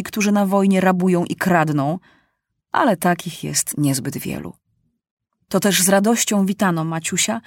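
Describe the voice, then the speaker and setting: A woman narrating a children's storybook with a lively, expressive reading. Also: on the low side, dry recording, studio quality.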